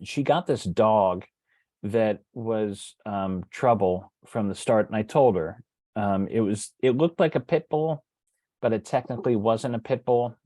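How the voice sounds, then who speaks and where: A middle-aged man with a fairly low voice recounts a true story from his own life. He talks casually, pausing on fillers and restarting his sentences. The sound is dry and close, with no room behind it. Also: mellow, no echo. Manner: conversational, many fillers and restarts. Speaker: true crime writer and teacher.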